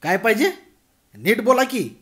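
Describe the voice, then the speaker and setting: Storybook part: deaf teenage village girl, coarse voice, snaps and scolds, high and loud, as a male narrator puts her on. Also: moderate pace. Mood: snappish. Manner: snapping, scolding.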